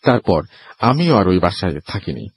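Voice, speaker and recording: A man's voice: low-pitched, very animated, moderate pace, breathy edge. A man hosting a storytelling show, reading a listener's ghost story aloud, with a sore throat. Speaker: host reading a listener's email.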